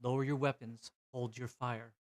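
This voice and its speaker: A man voicing an honor-bound male warlord who speaks with calm, courteous menace in a tabletop game. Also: medium pitch, normal speed, natural voice.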